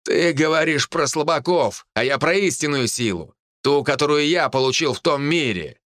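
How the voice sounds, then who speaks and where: A man voicing an arrogant male archer leading mercenaries, boastful and defiant, often shouting. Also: fairly high pitch, animated, normal speed, no room sound, clean studio sound.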